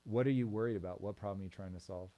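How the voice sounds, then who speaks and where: A man hosting a casual livestream, giving easygoing advice in a dry, relaxed manner. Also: fairly low pitch, racing. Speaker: streamer host.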